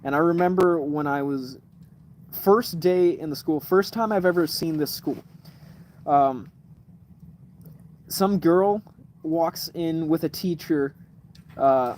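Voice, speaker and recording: This livestream host, in his twenties, spins rambling stories with swearing, lots of filler words, and frequent restarts, from a room lit by a kerosene lamp at night. His voice is a little high and darkish, unhurried, with long pauses. Slight background noise can be heard.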